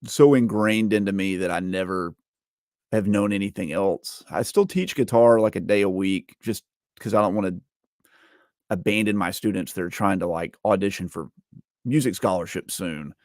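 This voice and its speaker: Low-voiced man in his forties. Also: normal speed, a little mellow, no echo, studio quality. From Alabama, United States. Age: 40s. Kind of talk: casual conversational storytelling.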